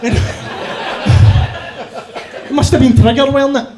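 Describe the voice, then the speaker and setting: A middle-aged Glaswegian comedian with a notably high voice for a man, telling a story on stage. He is rowdy and sweary, laughing through his own telling. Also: level tone, slow pace, a crowd in the background. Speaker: stand-up comedian. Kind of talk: stand-up storytelling.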